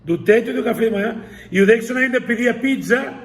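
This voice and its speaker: A high-voiced man with a gravelly edge asks questions in a casual interview. He jumps in with quick exclamations and recaps of what he hears. He sits some distance from the microphone. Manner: reacts with short exclamations and recaps. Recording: speaking from away from the mic.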